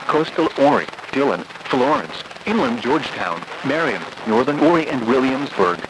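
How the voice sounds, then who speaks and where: A man who sounds synthetic reads a scripted automated weather report in a flat, methodical manner through a noisy radio transmission. His voice is mid-range.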